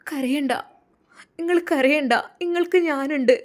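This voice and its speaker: Give me a gentle young wife, tender and pleading, played by a woman. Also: sits high, measured pace, pitched above the performer's own voice. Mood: soothing. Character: soft, devoted young wife nursing her husband.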